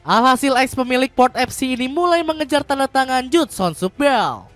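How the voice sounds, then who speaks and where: A woman narrating scripted football news as a voice-over, in a steady read-aloud delivery that drops in pitch at sentence ends. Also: moderate pace, faint music behind.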